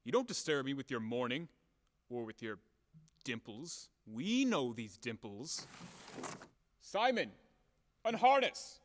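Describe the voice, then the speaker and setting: In an audio play's stage farce, a man acts a blustery, furious, self-pitying landowner demanding his money, his highish voice leaping around in a reverberant hall. He rants and grumbles theatrically in exasperation, stubborn and fuming before he starts barking orders.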